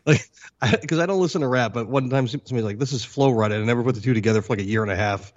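A man's voice: mid-range voice, very fast, highs cut off. A man co-hosting a podcast, rambling through stories in casual chat and chuckling often. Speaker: podcast co-host.

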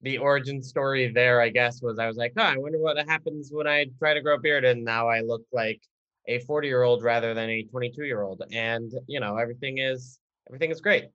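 Bright-voiced young man chatting about sports. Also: mid-range voice, brisk, muffled recording. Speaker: sports beat writer, podcast panelist. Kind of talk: casual sports chat.

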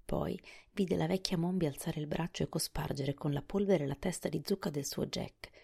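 Low, husky woman reading a storybook. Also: normal speed, mellow. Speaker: audiobook narrator. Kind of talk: storybook narration.

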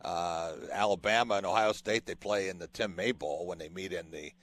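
A man's voice: sits low, moderate pace, fairly bright tone. A man hosting a sports radio interview, laying out long hypothetical scenarios for his guest.

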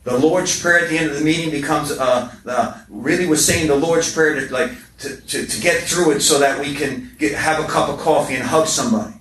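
A man's voice: fairly high pitch, fairly quick, hardly any pauses, fairly bright tone, far from the mic, slight background noise. Passionate man speaking in an echoey hall. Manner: passionate storytelling with repetitions and humor. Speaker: recovery meeting speaker. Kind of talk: speaker share talk. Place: meeting hall. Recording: roomy echo from off-mic. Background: faint room ambience.

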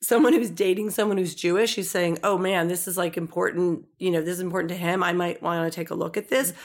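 A woman's voice: fairly low pitch, quick pace. A middle-aged woman in easy, casual conversation as a guest. She tells stories with lots of "like" fillers and slips into the voices of the people she quotes. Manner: animated storyteller, acts out quoted voices, many "like" fillers.

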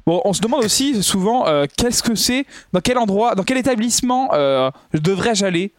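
A man's voice: sits high, animated, moderate pace, no room sound, clean studio sound. A man hosting a casual comedic podcast, playful and jokey, rambling with fillers. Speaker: podcast host.

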